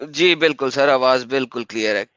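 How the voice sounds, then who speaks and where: A man's voice: mid-range voice, fairly bright tone, smooth, dry recording. A man hosting a live-streamed debate, insistent and polite, with formal honorifics. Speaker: livestream debate host. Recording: dull lo-fi stream audio.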